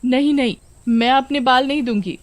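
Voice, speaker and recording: A woman's voice: high-pitched, normal speed, pitched above the performer's own voice, close to an everyday voice. Woman doing a homely village wife. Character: village wife, timid at first then eager.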